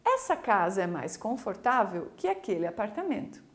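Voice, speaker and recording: A woman English teacher with a Brazilian Portuguese accent, giving a recorded school video lesson in a lively, coaxing way. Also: mid-range voice. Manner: lively, coaxing, slow deliberate explanations.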